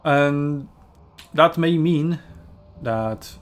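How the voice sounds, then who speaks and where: A man's voice: fairly high pitch, very slow. A man hosting a gaming video, giving casual gameplay commentary in a rambling, chatty way with fillers and self-corrections.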